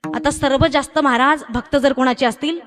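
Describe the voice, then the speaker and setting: A woman's voice: sits high, steady tone, normal speed, a bit bright, long reverb tail, soft background music. A woman with a Marathi accent preaching a devotional kirtan sermon, telling a story animatedly, acting out the characters' voices and talking directly to the audience.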